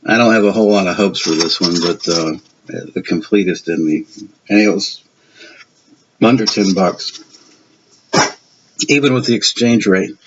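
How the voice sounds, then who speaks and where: A deep-voiced Virginian with a Southern accent, aged fifty to seventy, speaks a little slowly with long pauses as he presents his film collection. The vlog is casual; he's chatty, self-deprecating, and wanders a bit. The recording sounds dull and lo-fi, with a faint hiss.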